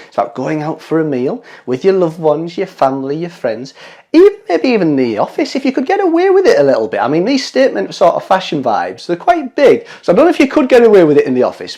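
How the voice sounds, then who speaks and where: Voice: mid-range voice, a little mellow. A vlog host chatting to the viewers in a gushing, affectionate, cheeky and teasing way. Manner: cheeky, playful. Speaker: show host. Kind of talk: chatty fashion vlog to camera.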